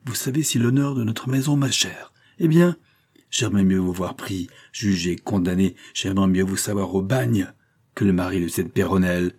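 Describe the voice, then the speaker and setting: A man putting on a proud, hot-tempered old nobleman who blusters and sputters, his voice pushed up and louder than the reader's own. The tone stays husky and dark underneath. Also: deep voice, moderate pace. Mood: furious. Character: irascible old male aristocrat, choleric, proud.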